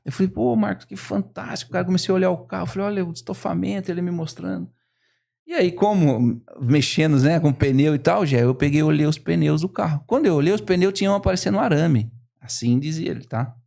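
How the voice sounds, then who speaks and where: Gravelly businessman telling a story. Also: on the high side, fairly quick. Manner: animated retelling with quoted dialogue. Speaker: business owner guest. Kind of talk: podcast storytelling.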